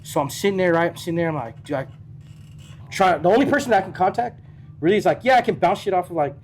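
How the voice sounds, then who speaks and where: A man, a podcast guest telling his franchise story in a casual, profane, animated way and acting out the people he quotes. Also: high voice, fast talker, a little hiss or hum.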